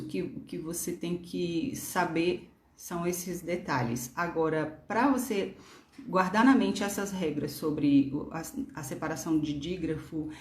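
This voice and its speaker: A woman teacher with a Brasília Portuguese accent, patiently explaining grammar and spelling words out letter by letter. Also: on the low side. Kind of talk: online grammar lesson. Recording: echoey room.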